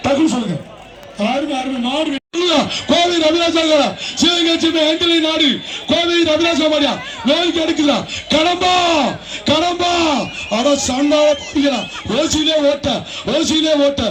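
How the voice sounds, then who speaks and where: A man announcing a live bull-taming event through a megaphone or loudspeaker, with loud, rapid calls and repeated phrases. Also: very high-pitched. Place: outdoor bull-taming arena with crowd. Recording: echoing loudspeaker outdoors, crowd noise.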